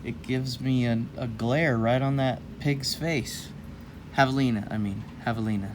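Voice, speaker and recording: Reading a children's story for his read-aloud show, a man rambles in a folksy manner and stops for jokey, casual asides. His mid-range voice holds fairly even intonation at normal speed, and background noise is audible.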